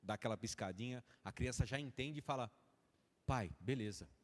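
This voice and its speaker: A man's voice: medium pitch, fast. A Brazilian man preaching a sermon in a folksy way, acting out little dialogues between a father and his children. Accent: Brazilian Portuguese. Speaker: pastor. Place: church. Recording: church hall reverb.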